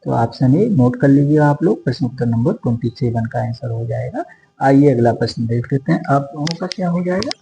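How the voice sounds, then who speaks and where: Male sociology tutor, warm and unhurried, exam-drill delivery, light music bed. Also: medium pitch, creaky, low-quality recording. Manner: repeats question numbers, drills options for students. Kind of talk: exam-prep lecture.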